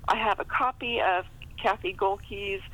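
A middle-aged American woman, a guest author, chats casually in an interview, talkative and self-deprecating with little laughs. Her mid-range voice is fairly bright, unhurried, and fairly even in intonation, though the audio is dull.

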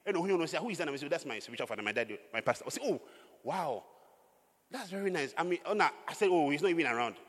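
Male pastor, animated preacher, husky raised voice, long church-hall echo. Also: on the high side, very fast. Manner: animated preaching with sudden loud outbursts and laughs. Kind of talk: sermon.

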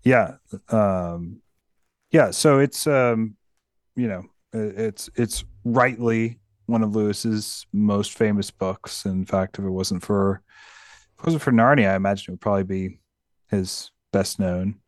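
A man with a fairly low voice speaks slowly as a guest in a conversation, taking his time over his answers. The sound is dry, with no room echo. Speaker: podcast guest. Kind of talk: conversational interview.

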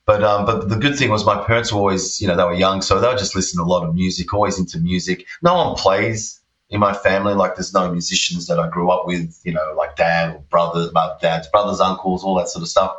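A man's voice: sits low, fairly even intonation, fast, fairly bright tone. An Australian man, a guitarist and interview guest, telling stories in a rambling, laid-back way with lots of fillers. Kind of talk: casual storytelling interview. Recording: roomy, distant, dull-sounding audio.

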